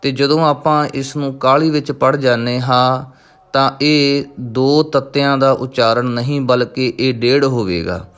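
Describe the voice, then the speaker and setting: A man teaching the correct pronunciation of scripture, reciting each verse slowly and then explaining patiently. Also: mid-range voice, fairly even intonation, fairly bright tone, clear, resonant tone, soft background music.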